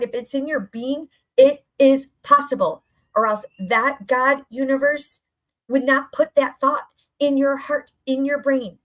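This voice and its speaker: Upbeat woman coach, slightly high voice. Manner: emphatic, repeats phrases for effect; enthusiastic, upbeat. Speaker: health and mindset coach. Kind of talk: motivational live talk.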